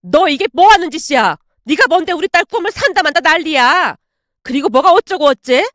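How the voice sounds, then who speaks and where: A blunt middle-aged mother who scolds hard and raises her voice high, as a woman acts her out. Her talk jumps all over in pitch. The sound is close and dry. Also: big pitch swings, moderate pace, no echo. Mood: furious. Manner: scolding, shouting.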